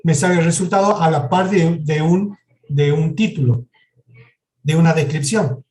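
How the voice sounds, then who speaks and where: A man's voice: fairly high pitch, moderate pace, a little mellow. A man teaching a university programming class, explaining step by step and often checking in with the students. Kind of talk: live lecture with software demo. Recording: echoey classroom recording.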